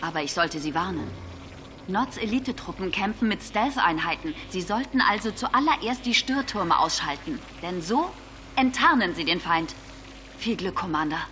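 A woman's voice: fairly low pitch, lively intonation, normal speed, sharp tone, slight background noise. An actress playing a confident military intelligence officer in her thirties, giving a scripted briefing in a video game. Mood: confident, urgent.

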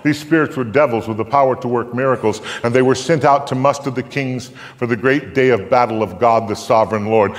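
On a theatre stage before a live audience, an older man recites scripture as a dramatic reading, telling the story theatrically. He is solemn, deliberate and emphatic, his voice swelling from a hush to a boom. The hall is echoey, with a long reverb.

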